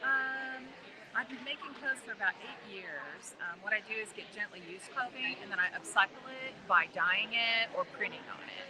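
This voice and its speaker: Female interview guest, middle pitch, casual talk, clear crowd noise around her. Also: normal speed, poor audio. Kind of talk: casual live interview answers. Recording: busy crowd behind.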